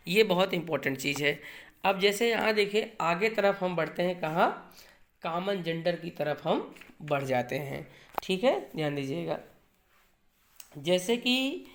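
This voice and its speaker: A male teacher gives an English grammar lecture in a classroom style, mixing English terms into his Hindi. He poses rhetorical questions and answers them himself. He checks in often with his listeners and repeats the points that matter for exams. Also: high-pitched. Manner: keeps checking in with "है ना" and "ठीक है ना".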